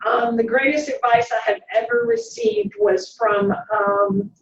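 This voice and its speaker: A woman's voice: fairly high pitch, sing-song, measured pace, far from the mic. Southern woman guest, chatty storyteller, off-mic in a roomy room with dull sound. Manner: chatty, swooping intonation, acts out quotes. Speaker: private investigator, guest. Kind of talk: animated storytelling in conversation.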